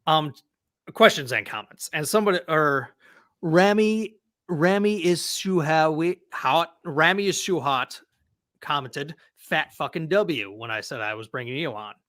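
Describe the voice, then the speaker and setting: Man, livestream host, casual chat, rambling, sarcastic, bright tone. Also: on the high side, unhurried. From Milwaukee area. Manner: rambling, self-deprecating, sarcastic. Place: old house, home studio.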